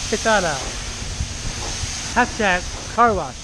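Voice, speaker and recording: Young male vlogger, slow and excited, on an action camera in a noisy car wash bay. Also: high voice. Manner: excited, repetitive, addresses viewers as guys. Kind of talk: casual vlog chat. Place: outdoor self-serve car wash bay. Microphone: action camera held at arm's length.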